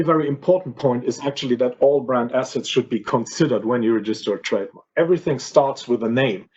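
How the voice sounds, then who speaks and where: Hoarse man explaining trademark classes. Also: medium pitch, darkish tone. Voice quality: husky. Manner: hesitant, many fillers and restarts. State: hoarse, losing his voice. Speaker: workshop presenter on trademarks. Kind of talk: explanatory workshop talk. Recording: dull lo-fi audio.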